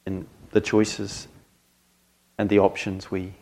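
A man speaking as a Dharma teacher to a group, earnest and reflective, in short halting phrases with thoughtful pauses. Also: low-pitched, completely flat delivery, dark tone, poor audio. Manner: grave, earnest. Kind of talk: reflective spoken talk to a group.

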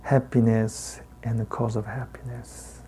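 A man with a heavy Tibetan accent, a native Tibetan speaker, giving a Buddhist dharma talk as a teacher in halting, deliberate phrases with long pauses. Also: medium pitch, flat delivery, mellow, slight background noise, low-quality recording.

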